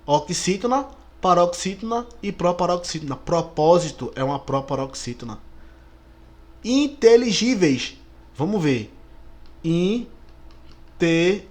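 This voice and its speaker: A man with a Brazilian Portuguese accent explaining exam questions as a teacher, lively, drawing out key words and checking in with students. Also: high-pitched, measured pace.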